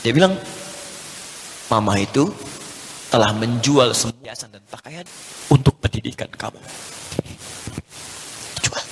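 A male preacher telling a personal story to an audience, speaking straight to the listeners and rising in pitch as the emotion builds. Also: expressive, normal speed, pauses often. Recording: hissy, reverberant hall recording.

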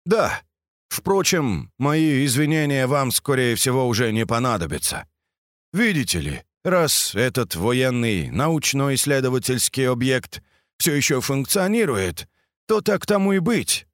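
A man voicing a cold, calm villain professor in an audiobook story, speaking mockingly. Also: medium pitch, measured pace, no room sound, studio quality. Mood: cold menacing.

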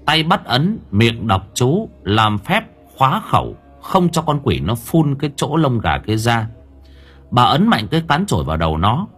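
Husky, expressive male storyteller. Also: medium pitch. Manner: expressive, dramatic. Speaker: audiobook narrator. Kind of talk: dramatic story narration. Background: soft background music.

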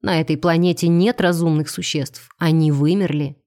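A woman's voice: deep voice, fairly even intonation, moderate pace, a little mellow, close to an everyday voice. A woman reading an audiobook, voicing a cold, commanding male alien starship captain. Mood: stern.

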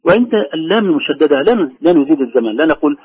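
A man teaching Quran recitation, briskly explaining pronunciation and sounding out the words he corrects. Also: on the high side, animated, slightly rough. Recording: muffled radio broadcast sound.

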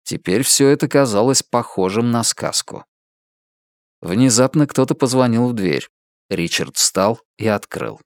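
A man reading an audiobook in measured, expressive narration. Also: mid-range voice, dry recording.

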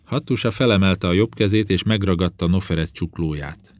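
A man narrating an audiobook in a calm, even reading voice. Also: low voice. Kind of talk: scripted narration.

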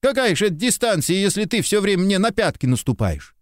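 A man voicing an irritable, sharp-tongued soldier who scolds curtly and sarcastically in an audiobook. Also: high voice, very animated, fairly quick, no echo, clean studio sound, voice pushed up. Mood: scolding. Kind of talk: audiobook character reading.

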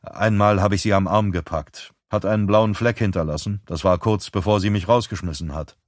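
A guarded middle-aged man, played by the man reading an audiobook, answers in terse, defensive bursts. His voice sits low. The sound is close and dry. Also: normal speed, no echo, lightly acted.

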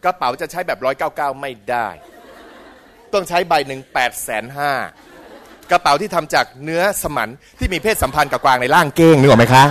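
A middle-aged man giving a humorous dharma talk in a school hall. He is animated, mimics voices for comic effect and keeps asking the audience questions. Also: medium pitch. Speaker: Buddhist lecturer.

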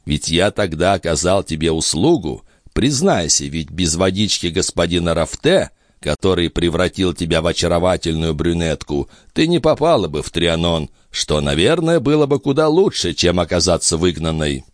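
A worldly old duke talks down with dry irony, as a male narrator acts him out. The voice is low and close, with no room around it. It rises and falls with amused condescension. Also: sing-song, moderate pace, few pauses, dry recording. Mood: ironic. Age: older. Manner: ironic, condescending.

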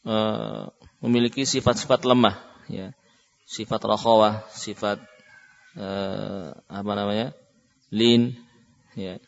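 A man teaching Quran recitation to a class. He chants example words slowly for the students to repeat, then explains patiently with frequent "ya" and "nah". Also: on the low side. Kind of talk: classroom instruction with call-and-repeat. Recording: dull lo-fi recording in a reverberant hall.

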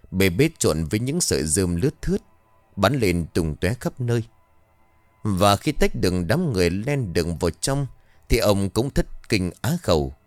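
A man narrates a scripted horror story in a low voice that rises and falls with lively drama. The recording is dry and close, with faint music under his reading. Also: dry recording.

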